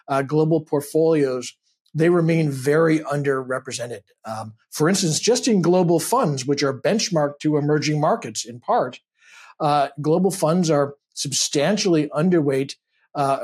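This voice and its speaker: A man with a husky, slightly high voice answers interview questions in a studio. He speaks steadily and carefully, pausing often on fillers. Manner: steady, measured, many "uh" fillers. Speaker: investment expert guest.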